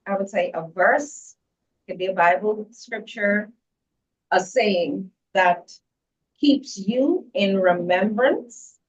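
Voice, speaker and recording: Woman host, measured and unhurried, husky, off-mic lo-fi sound. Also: medium pitch. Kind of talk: hosting a faith discussion. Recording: distant, dull lo-fi sound.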